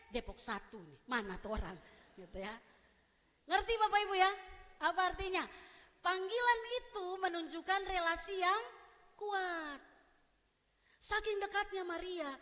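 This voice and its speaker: A woman's voice: very high voice, sharp tone. A woman pastor giving a conversational sermon, often asking the congregation questions and acting out people calling her. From eastern Indonesia. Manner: conversational, asks the congregation questions and acts out callers. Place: church sanctuary. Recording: long church hall reverb.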